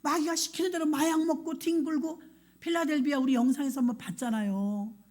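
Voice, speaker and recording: A woman pastor preaching a storytelling sermon, swinging between hushed passages and emphatic bursts. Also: sits high, steady tone, a little fast.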